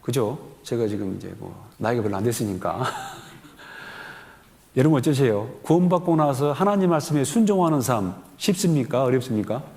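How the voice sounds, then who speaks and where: A man's voice: mid-range voice, expressive, moderate pace, creaky, darkish tone. A man in his fifties, a pastor giving a sermon in a church, talking to the congregation in a conversational way with many questions to them. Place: church sanctuary. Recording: long hall reverb in a church.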